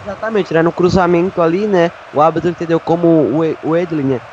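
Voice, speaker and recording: A man's voice: on the high side, fairly even intonation, quick pace, darkish tone. A Brazilian man giving match analysis as the second voice on a radio football broadcast. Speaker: football commentary sidekick. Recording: dull lo-fi audio, faint background noise.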